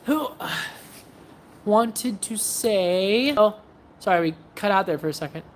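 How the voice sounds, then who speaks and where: A woman's voice: mid-range voice, expressive, measured pace, slight background noise. A woman hosting a casual livestream, chatting with viewers in a scattered, self-interrupting way as she shows her practice swords.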